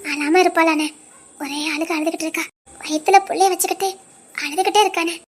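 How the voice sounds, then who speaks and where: A woman's voice: very high voice, fairly even intonation, brisk, a little hiss or hum. A woman playing a devoted young wife and sister in a family serial, speaking in an emotional, pleading way with a Tirunelveli Tamil accent. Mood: worried.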